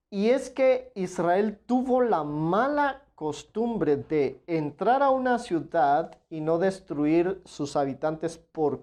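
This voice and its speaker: A man delivers a Bible study sermon, earnestly calling his listeners dear brothers and driving points home through emphatic repetition, often saying "claro de que sí." His voice sits high and a little mellow.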